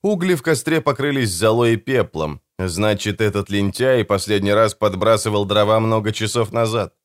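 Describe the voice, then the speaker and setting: Male audiobook narrator, steady measured delivery, grim fantasy. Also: lowish voice, clear, resonant tone, dry recording, studio quality. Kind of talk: scripted narration.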